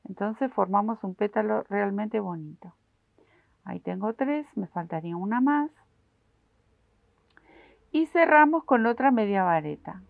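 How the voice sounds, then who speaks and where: Working through a crochet pattern, a woman explains every stitch with patience, addressing viewers directly and sprinkling in many diminutives for this step-by-step tutorial. Her medium-pitched voice is expressive and gravelly with fry, unhurried, with long pauses. The sound is thin and tinny like a phone, with no room sound.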